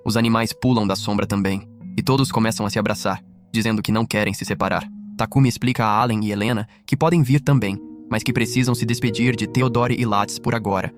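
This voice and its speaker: A man reading a scripted anime recap as narrator, with a wry, joking delivery. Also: fairly low pitch.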